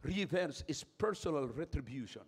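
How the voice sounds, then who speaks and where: Animated Filipino pastor preaching loudly. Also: male voice, a little high, normal speed, husky. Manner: switches between English and Tagalog, calls out to congregation; loud, dramatic preaching with shouting peaks. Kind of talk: sermon. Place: church.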